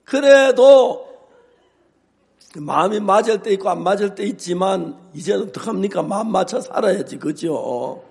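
An older man, a pastor, preaching with humor and telling animated stories, acting out his own shouts and both sides of a quarrel. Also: sits high, moderate pace, gravelly. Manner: animated storytelling, acts out shouts. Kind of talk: humorous sermon.

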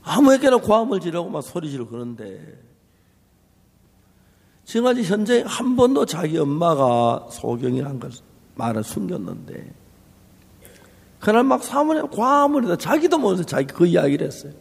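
A male preacher telling a story in a sermon, acting out the people in it and moving between hushed and raised voice. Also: high-pitched, sing-song, moderate pace, vocal fry, slightly rough. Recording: long hall reverb.

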